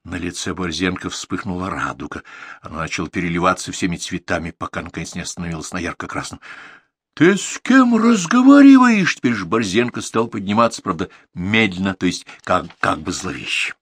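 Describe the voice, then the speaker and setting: A man narrating a novel as an audiobook, reading in an expressive storytelling manner. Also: low voice, quick pace, husky, dry recording, studio quality. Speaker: audiobook reader. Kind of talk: scripted narration.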